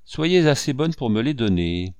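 A man reading aloud, voicing a smooth, sly male gendarme captain who answers calmly and curtly. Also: medium pitch, moderate pace, no room sound, clean studio sound.

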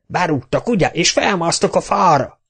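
Man doing a loud raised-voice mayor, bossy, bullying, hot-tempered, storybook. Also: a little high, expressive, gravelly, husky, pitched above the performer's own voice, exaggerated voice. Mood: furious. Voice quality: shouting, bossy.

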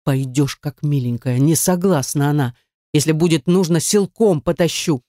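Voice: mid-range voice, moderate pace, dark tone, no echo, lightly acted. Stern, domineering jealous man voiced by the audiobook reader; growling, dry sound. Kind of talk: audiobook dialogue.

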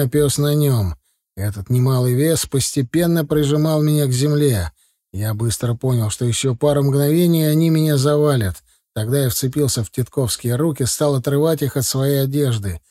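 A man narrating a first-person audiobook with steady, even storytelling. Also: medium pitch, no room sound, studio quality.

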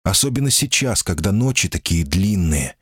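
A man's voice: low voice, sing-song, normal speed, slightly rough, no room sound, studio quality, exaggerated voice. A man voicing a timid, guarded female golem in human shape, anxious and pleading, in an audiobook reading. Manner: anxious, pleading, often cries out.

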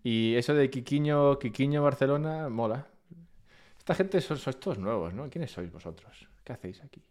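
Speaking at a moderate pace with a medium-pitched voice, a man from Spain with a Spain Spanish accent chats to his live-stream audience from home. He's relaxed and rambling, often poking fun at himself.

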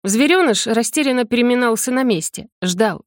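A woman calmly reading a first-person audiobook narration. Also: on the high side, normal speed, no echo, studio quality.

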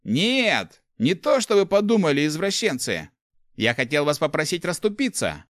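A man's voice: a little high, huge pitch swings, moderate pace, no room sound, clean studio sound, voice pushed up. A man voicing a brash, chatty young male thief in a storybook reading. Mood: eager. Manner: bold, chatty, playful.

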